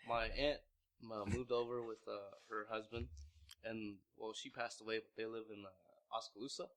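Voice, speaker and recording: Interviewed casually about his clothing brand, a mid-twenties founder from Vietnam rambles, saying "like" constantly, using lots of fillers and restarting often. His fairly low, slightly bright voice keeps a level tone at a moderate pace.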